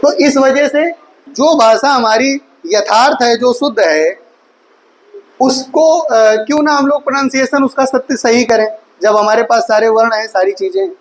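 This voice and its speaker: Woman hindi teacher, high voice, online coaching class, makes students say the vowels out loud, keeps quizzing them. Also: moderate pace, poor audio. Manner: drills pronunciation aloud, asks students rhetorical questions; addresses students affectionately as 'beta'. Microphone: recorded for mobile viewers.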